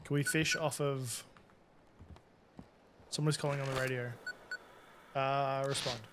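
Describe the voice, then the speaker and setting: A man's voice: medium pitch, flat delivery, a little slow, noisy background. A man giving casual playthrough commentary and reading game text aloud as he goes. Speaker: gaming video host.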